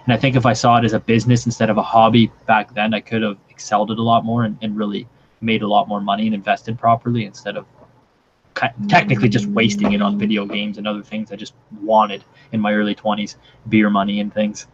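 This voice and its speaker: A man's voice: lowish voice, flat delivery, fast talker. A man of thirty on an earbud video call, telling stories in a candid, joking way and swearing casually. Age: 30s. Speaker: panelist, reseller. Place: home room with shelves of games. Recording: dull lo-fi sound with faint noise.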